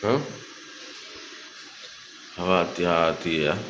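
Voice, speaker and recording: Pet vlogger, male, lowish voice, affectionate coaxing tone, recorded in an echoey home room. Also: slow, fairly bright tone, slight background noise. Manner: coaxing, affectionate talk to parrots. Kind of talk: casual vlog talking to pet birds. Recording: echoey room, faint background ambience.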